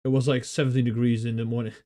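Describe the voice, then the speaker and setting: A man's voice: mid-range voice, level tone, very fast, dark tone, no room sound. Chatty Dutch man, dry close mic. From Netherlands. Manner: chatty, laughs often, many restarts and fillers. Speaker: streamer. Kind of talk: casual chat with viewers.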